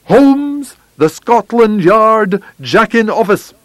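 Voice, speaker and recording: A man's voice: mid-range voice, big pitch swings, a little slow, no echo. A man playing a snarling, furious old villain. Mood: taunting fury. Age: older. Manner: snarling, shouting, blustering. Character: furious, menacing old villain, huge and fierce. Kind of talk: audiobook character voice.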